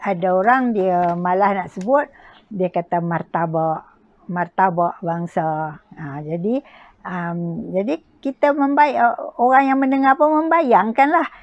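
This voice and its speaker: Slow, halting Malaysian woman giving a lesson. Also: medium pitch, highs cut off. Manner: halting, with frequent pauses and checking tags. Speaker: poetry recitation instructor. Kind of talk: informal spoken lecture with examples.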